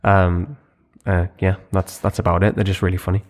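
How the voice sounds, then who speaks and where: A man's voice: low voice, moderate pace. A young man co-hosting a podcast, chatting casually with lots of fillers and restarts. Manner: relaxed, rambling with fillers and restarts. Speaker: podcast co-host. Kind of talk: casual chat.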